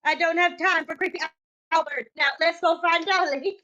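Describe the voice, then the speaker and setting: A woman's voice: very high-pitched, steady tone, normal speed, bright, forceful tone, highs cut off. A woman playing in a tabletop game, doing casual improvised role-play. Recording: music playing behind.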